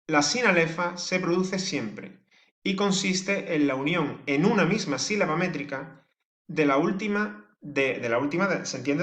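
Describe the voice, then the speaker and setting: A man teaching a lesson in a fairly high voice, walking through each point step by step and counting syllables out slowly. He keeps checking that his listeners follow along. The room around him is echoey. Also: fairly bright tone. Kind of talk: classroom lesson.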